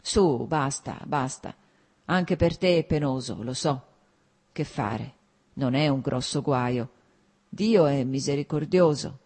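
A woman's voice: rumbling low, slow, darkish tone, slightly rough, heavily acted. A woman reading the part of a blunt, teasing old prince and father in a storybook. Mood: soothing. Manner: blunt, scolding.

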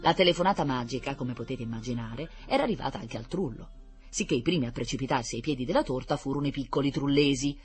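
A storyteller reading a children's book aloud, animated and adding playful asides. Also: medium pitch, fast, music in the background.

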